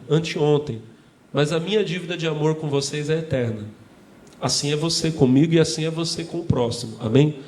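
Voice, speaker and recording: A man's voice: on the high side, echoey room, rough recording. A man with a Brazilian Portuguese accent preaching a sermon as pastor, calling out to the congregation and joking with them between points. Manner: lively call-and-response with the congregation, joking asides. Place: church.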